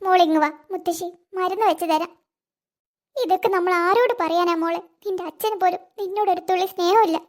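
A woman voicing a doting, protective old grandmother in an animated cartoon, tender with the child and sharp about others. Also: extremely high pitch, a little fast. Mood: tender, indignant. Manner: tender with the child, scolding toward her daughter-in-law.

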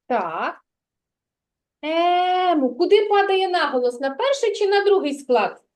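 A woman's voice: very high voice, big pitch swings, normal speed, darkish tone. A woman teaching a preschool reading lesson, patiently asking a child simple questions and encouraging her. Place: kindergarten classroom.

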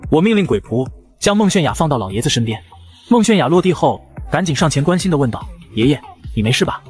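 Fast wry male story narrator. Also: fairly high pitch, big pitch swings, a little mellow, soft background music. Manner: brisk, wry. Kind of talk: first-person comic story narration.

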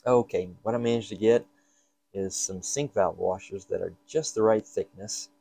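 With a warm, lowish voice touched by vocal fry, a hobbyist repair host speaks at normal speed while fixing something in an indoor workshop. His narration is casual and fragmentary, half addressed to himself.

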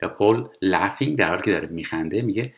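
A man teaching English, explaining TV dialogue line by line and reading English phrases slowly and carefully. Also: deep voice, lively intonation. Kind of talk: language lesson explaining TV dialogue.

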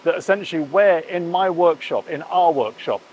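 This vlog host, a man in his forties, has a slightly high, slightly mellow voice and talks at normal speed. He's enthusiastically and emphatically touring the camera through a boat under construction and a large boatyard shed, repeating phrases into a clip-on lapel mic. The sound is lo-fi with a little hiss or hum.

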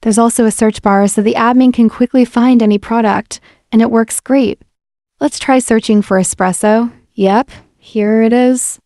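A woman with a slightly high voice, speaking at a normal speed, gives a casual voice-over walkthrough of an app, explaining each step in a relaxed, friendly way. She's a software demo presenter, and the screen-recorded session is captured on a voice-over mic. The recording is studio quality, with no echo.

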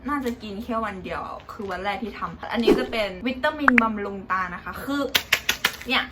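A young woman vlogger telling a casual, animated story about her own experience, chatty and loose with slang. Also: mid-range voice, brisk. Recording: loud background noise.

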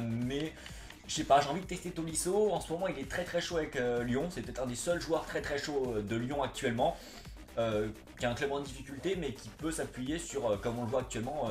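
A man's voice: fairly high pitch, echoey room. Young guy with a slushy lisp. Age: young adult. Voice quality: slight lisp, slushy s sounds. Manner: slangy, chatty, informal. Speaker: gaming YouTuber, host. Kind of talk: casual gaming vlog chat. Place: small indoor room, seated on a couch.

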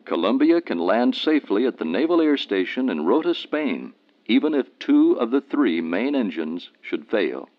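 A man reading scripted documentary narration in a measured, explanatory way. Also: medium pitch, sing-song. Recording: dull archival film soundtrack.

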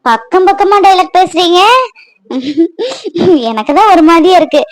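A woman's voice: extremely high pitch, animated, moderate pace, no echo, low-quality recording. A woman voicing an anxious, tearful young bride-to-be in a cartoon, pleading through her worries. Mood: teasing. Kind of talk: cartoon voice acting.

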